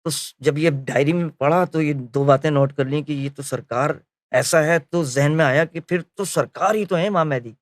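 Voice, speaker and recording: A man's voice: a little high, no echo. Man telling a story in a dry voice. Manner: retells conversations, acting out quoted dialogue; frequent filler phrases and self-corrections. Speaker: devotee recounting memories of his spiritual leader. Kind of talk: spoken anecdotal storytelling.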